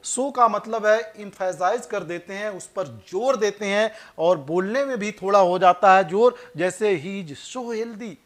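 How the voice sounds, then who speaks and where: A man teaching English grammar in Hindi, explaining slowly, repeating his points and reading example sentences with care. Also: sits high, fairly bright tone. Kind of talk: classroom grammar lesson in Hindi.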